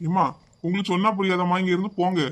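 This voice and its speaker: A man's voice: high-pitched, level tone, very fast, fairly bright tone. A man voicing a dutiful, middle-aged head constable in a cartoon. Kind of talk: cartoon voice acting.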